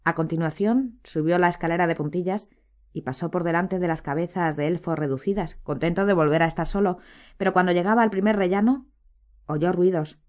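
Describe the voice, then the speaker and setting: A woman narrating a storybook aloud at an even, measured pace. Her voice sits on the lower side and stays restrained between the character voices. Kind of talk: audiobook narration.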